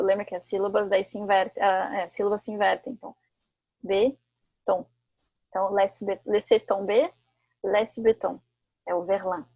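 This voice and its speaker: Woman, French teacher, husky voice, dry close sound. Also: medium pitch, darkish tone, no room sound. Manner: explains in Portuguese with French examples, corrects herself. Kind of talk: online language lesson.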